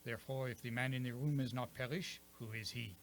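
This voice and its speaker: A man acts out a courtly detective with a French accent in a radio mystery. He is self-assured and theatrical, laying out each point with precise relish in a medium-pitched voice. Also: steady tone, brisk, slight background noise, close to an everyday voice. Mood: genial, explaining. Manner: precise, theatrical, savoring his explanations. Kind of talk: radio mystery play acting.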